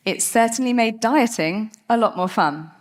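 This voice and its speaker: A woman giving a lively, chatty talk on stage as a cat behaviour speaker, laughing often. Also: fairly high pitch, normal speed. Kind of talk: TED-style talk.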